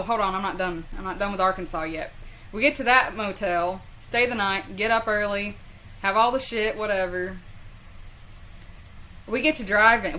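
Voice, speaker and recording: A woman's voice: medium pitch, sharp tone. A woman with a Southern US accent telling a personal story in a casual, rambling, sweary and self-deprecating way. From southern US, North Carolina. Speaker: storyteller vlogger.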